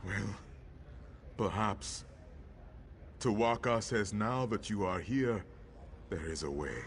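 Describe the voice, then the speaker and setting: An actor playing an anguished, devout warrior priest in a video game, with solemn, formal delivery. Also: male voice, lowish voice, takes it slowly, a little hiss or hum. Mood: grave, hopeful. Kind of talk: dramatic video game voice acting.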